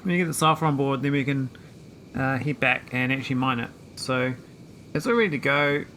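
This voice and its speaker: A man chatting casually while streaming a game, rambling with many pauses and talking to his viewers. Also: medium pitch, pushed and bright, a little hiss or hum. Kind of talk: casual live-stream chat.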